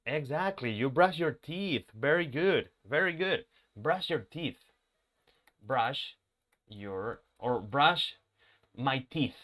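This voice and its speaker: Slow-paced bilingual English teacher, a man. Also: medium pitch, a bit bright. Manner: switches between Spanish and English, repeating words slowly for practice; checks in often with "ok?" and "ya?". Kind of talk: online English lesson.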